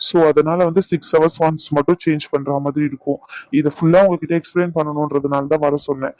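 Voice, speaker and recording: A man voicing a calm doctor in a cartoon, explaining a treatment in a steady way. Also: fairly high pitch, quick pace, no echo, natural voice.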